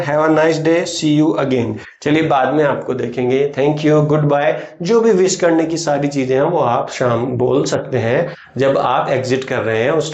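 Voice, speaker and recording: A man with an Indian accent teaching spoken English, explaining in Hindi and saying English phrases slowly. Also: fairly high pitch, a little mellow, reverberant, highs cut off. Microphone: writes on a board while teaching.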